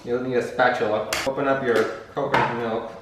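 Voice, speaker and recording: A man's voice: medium pitch, flat delivery, fairly quick. A man hosting a casual, rambling home recipe video, talking playfully with dry, self-deprecating asides. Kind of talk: casual, rambling cooking demonstration. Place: indoors at a stove, echoey room. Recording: echoey, distant mic with faint noise.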